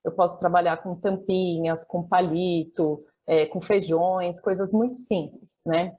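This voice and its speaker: A woman's voice: fairly low pitch, fairly even intonation, a little slow, dark tone, low-quality recording. A Brazilian woman with a Brazilian Portuguese accent leads a live online training for fellow teachers. She explains patiently, step by step, and often checks in with her listeners through short tag questions.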